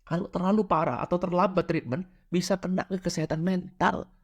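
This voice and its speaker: A man's voice: sits high, fairly even intonation, brisk, dull audio. A man giving a casual spiritual lecture as a teacher, explaining through everyday examples and often checking in with his listeners.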